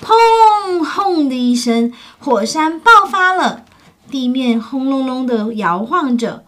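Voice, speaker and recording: Expressive woman reading a picture book aloud. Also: high voice, takes it slowly. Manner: expressive, stops to ask listeners questions. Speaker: storyteller.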